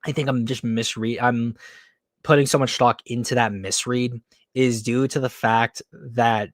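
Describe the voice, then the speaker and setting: A man's voice: medium pitch, steady tone, a little slow, dry recording, clean studio sound. Rambling man hosting a casual stream. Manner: rambling, many fillers and restarts. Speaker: podcast host.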